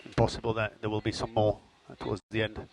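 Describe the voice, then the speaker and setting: A man's voice: lowish voice, monotone, fast, creaky. A man working as a race engineer, giving terse spotter-style calls to a driver over team radio, repeating key instructions. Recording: noisy team radio with vehicle noise.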